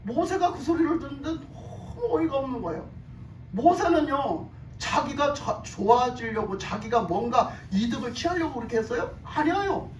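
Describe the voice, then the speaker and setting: A woman pastor preaching a sermon in a church, telling the story with lively repetition and questions to the congregation. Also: high voice, normal speed. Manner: animated storytelling, repeating phrases, questioning the congregation. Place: church sanctuary. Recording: echoey hall, distant mic, faint noise.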